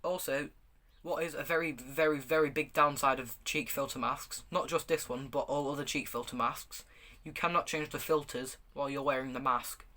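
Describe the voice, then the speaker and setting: Bright-voiced man reviewing gear. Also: medium pitch, fairly even intonation, normal speed, hardly any pauses. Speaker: gas mask reviewer. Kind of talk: casual product review, showing items to camera.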